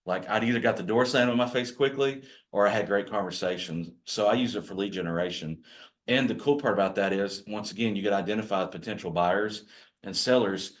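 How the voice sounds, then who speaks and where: Speaking fairly quickly in a low-leaning, growly voice, this man rambles through a folksy training session for real estate agents. He pokes fun at himself in this casual talk to the group.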